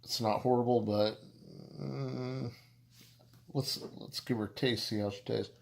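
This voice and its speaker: A man casually reviewing a beer on his video channel, rambling and halting with many restarts and fillers, and making self-deprecating jokes. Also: fairly low pitch, flat delivery, vocal fry, a little hiss or hum.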